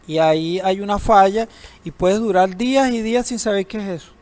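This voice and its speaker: A man's voice: high voice, brisk, a little mellow. A man teaching a database class, lecturing in a classroom, asking students questions and joking now and then. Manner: asks the class questions, uses humor.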